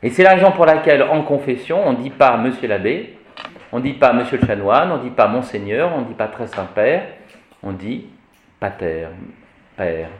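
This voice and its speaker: A man teaching Latin in a classroom lecture, animated and fond of vivid examples, often checking that his listeners follow. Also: medium pitch, a little fast, roomy sound, dull audio, a little hiss or hum. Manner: animated, repeats "vous voyez", vivid examples.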